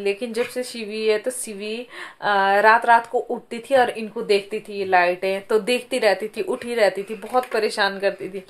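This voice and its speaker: A young woman, a mother, chatting casually to viewers in a home vlog, often adding little tag questions. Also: mid-range voice. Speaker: vlogger and mother. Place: home bedroom.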